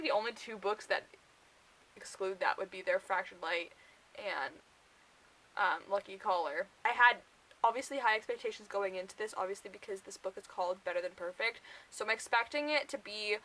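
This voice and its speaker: A young woman chats through a book review in a loose, rambling way, with filler words tumbling out between thoughts. Her voice is bright and forward, and she keeps sliding into laughter at the funny parts. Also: mid-range voice, low-quality recording. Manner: chatty, lots of "like" fillers, laughs a lot. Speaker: book vlogger.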